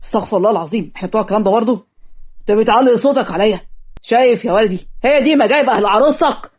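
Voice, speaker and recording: Brief: a woman as a scornful old cartoon father, quick and grumbling. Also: fairly high pitch, darkish tone, breathy edge. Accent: Egyptian. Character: grumpy older father of the groom, scornful. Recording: lo-fi muffled audio.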